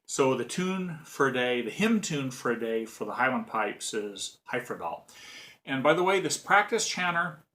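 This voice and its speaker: A man gives a relaxed, unscripted bagpipe lesson in a mid-range voice. He explains things in a rambling way, often stopping to restart his sentences. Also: mid-range voice, moderate pace. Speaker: bagpipe teacher. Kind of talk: casual spoken music lesson.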